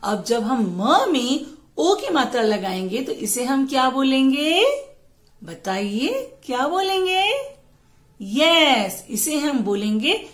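A woman with a high voice teaches young children, reciting rhymes and asking questions she answers herself. She talks slowly and patiently and. The room gives her voice a clear echo. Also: big pitch swings. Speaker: primary school teacher. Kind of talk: teaching children Hindi matras and reciting poems.

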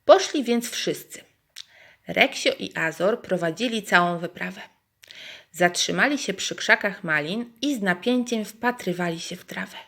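A woman reading a picture book aloud to young children, pausing to explain things to them. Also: medium pitch. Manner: lively, acts out animal voices, asides to kids. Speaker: children's storyteller.

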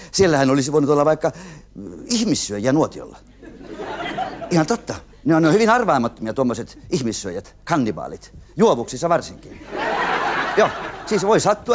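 A man's voice: on the high side, a little hiss or hum. A male TV host rambling through a punning, self-mocking comic monologue. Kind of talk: comic monologue to a studio audience. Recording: dull 1970s TV audio with audience.

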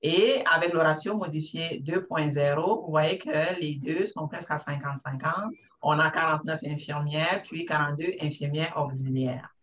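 A woman with a Quebec French accent presents at a seminar. She sounds like she is set back from the microphone. She explains each point methodically and often pauses on fillers. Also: low-pitched, a bit bright, far from the mic, dull audio. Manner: explanatory, with frequent fillers and restarts. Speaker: hospital operating room manager.

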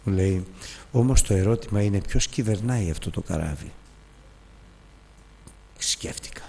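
A man teaching a Bible lesson as a sermon, telling stories with lively, emotional acted dialogue. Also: on the low side, creaky, big-room sound, slight background noise. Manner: emotional storytelling, acts out dialogue.

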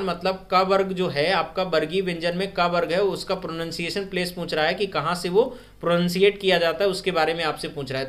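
A man teaching a live online grammar quiz, repeating each question and urging viewers to comment their answers fast. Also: high voice, fairly bright tone. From India. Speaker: online exam-prep teacher. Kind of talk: live-stream Hindi grammar quiz lesson.

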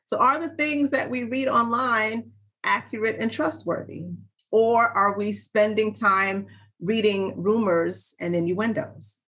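Husky-voiced woman preaching by webcam. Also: medium pitch, fairly bright tone. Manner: earnest, questioning, conversational preaching. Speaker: pastor. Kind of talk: sermon. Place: small room at home. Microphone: webcam on a video call.

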